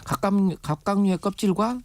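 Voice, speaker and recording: A man's voice: high voice, normal speed, a little mellow, slight background noise. A man on a radio show, a guest expert on urban farming, explaining patiently with everyday comparisons. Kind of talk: radio interview.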